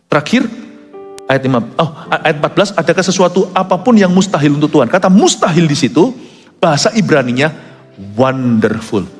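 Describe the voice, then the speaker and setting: A male pastor preaching emphatically, mixing English phrases into his sermon and swinging from low asides to loud high peaks. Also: animated, brisk. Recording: long hall reverb with soft music behind.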